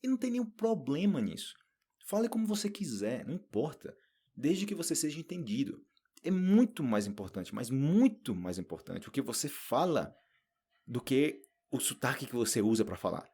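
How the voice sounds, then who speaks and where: A man with a northeastern Brazilian accent teaches Portuguese in a loose, animated podcast chat. His voice sits at a middle pitch with a husky, slightly breathy edge, and he jumps into higher voices to act out what other people say. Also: normal speed. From Paraíba, northeast Brazil. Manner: animated, chatty, acts out quoted people in high voices. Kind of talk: unscripted podcast lesson.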